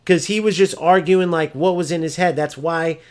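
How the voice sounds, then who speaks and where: A man's voice: on the high side, fairly even intonation, moderate pace, smooth. A man ranting over gameplay footage, exasperated, profane and mocking as he vents about an opponent. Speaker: gaming streamer.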